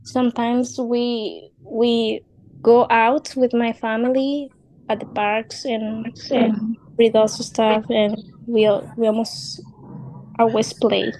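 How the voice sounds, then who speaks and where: An eighteen-year-old woman from Guatemala, a second-language English speaker, answering interview questions over a video call with slow, phrasing. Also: on the high side, flat delivery, a little hiss or hum. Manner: slow, soft-spoken, non-native phrasing. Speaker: interviewee, ESL student.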